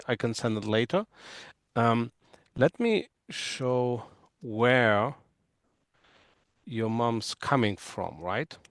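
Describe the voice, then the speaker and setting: A man hosts an interview, moving slowly through his points with fillers and restarts. His voice sits at a middle pitch, and it is recorded close and dry, with no room sound. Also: no room sound. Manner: hesitant, filler-heavy, thinking aloud. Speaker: interviewer and host. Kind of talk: friendly live interview.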